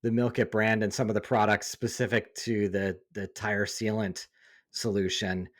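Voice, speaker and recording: A man's voice: fairly low pitch, moderate pace. Friendly male podcast host. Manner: relaxed, friendly, curious questions. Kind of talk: casual podcast interview and read ad.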